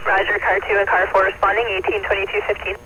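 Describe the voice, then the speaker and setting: A fire dispatcher speaking over a two-way radio in a measured, even way, repeating back each call and reading out the times. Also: medium pitch. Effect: heard over a two-way radio. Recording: muffled noisy radio channel.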